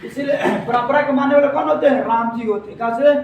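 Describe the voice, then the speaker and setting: A male teacher, giving a classroom lesson in call-and-response style, repeating key words slowly. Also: very high-pitched, phone-quality sound. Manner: asks and answers his own questions, repeats key words slowly. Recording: very echoey room, distant from the mic, faint noise.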